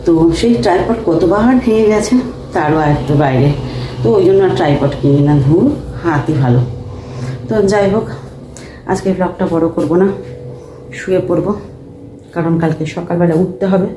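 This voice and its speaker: A woman, a mother, chatting casually in a home vlog, talking quietly while holding her phone in one hand. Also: fairly low pitch, moderate pace, long pauses. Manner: speaks softly at night so as not to wake family. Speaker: vlogger, mother of two daughters. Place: home, bedroom and kitchen. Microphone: handheld phone. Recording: echoey room with noise.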